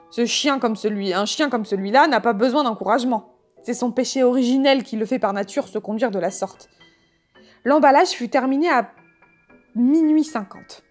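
Woman reading a story with a wry, higher voice. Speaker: audiobook reader. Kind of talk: scripted narration.

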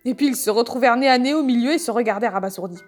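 Woman reading a funny story aloud, kinda high voice, calm and wry, little bit of music behind. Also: racing. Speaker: audiobook reader. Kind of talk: scripted narration.

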